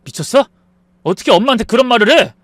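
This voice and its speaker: Brief: woman voicing spineless husband siding with his mother, pleading tone, lively pitch, dry. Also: fast, no echo. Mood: placating. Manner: pleading, exasperated. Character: weak-willed young husband, placating his mother.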